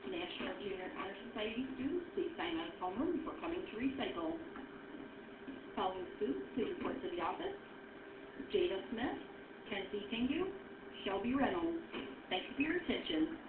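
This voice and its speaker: A woman reading the day's school announcements in a clear, measured way over an intercom loudspeaker. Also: medium pitch, sing-song, background noise. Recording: distant, tinny loudspeaker in an echoey classroom.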